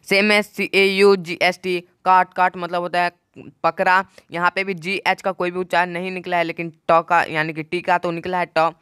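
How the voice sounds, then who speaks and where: Teacher doing a hindi spelling lesson, spells words letter by letter, repeats everything, smooth clear tone. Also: medium pitch, fairly bright tone, dry recording, clean studio sound. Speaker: English teacher.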